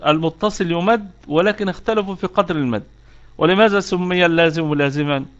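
A man's voice: sits high, fairly bright tone, muffled recording. A man with an Egyptian accent teaching Quran recitation rules in an online lesson, explaining step by step and repeating key words.

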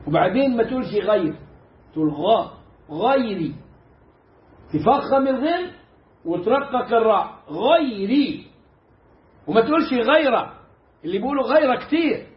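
A man with an Egyptian Arabic accent teaching Quran recitation in a casual, animated way, mimicking mistakes and drawing out the correct sounds. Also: extremely high pitch, echoey room, lo-fi sound. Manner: animated, mimics mispronunciations and demonstrates slow recitation. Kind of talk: casual lesson.

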